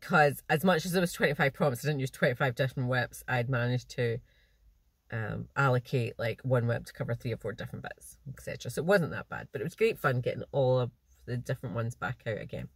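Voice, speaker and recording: Sitting in a parked car, a cross-stitch vlogger chats and rambles to the camera, her voice naturally nasal, a bit blocked, mid-range and breathy. She talks briskly with false starts and small laughs, and the recording is dry.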